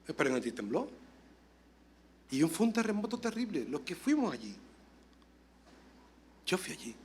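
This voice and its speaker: A male pastor preaching a lively sermon, moving between loud exclamations and quiet asides and acting out dialogue as he tells stories. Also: fairly high pitch, normal speed, a little hiss or hum. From Dominican Republic. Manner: acts out dialogue in storytelling.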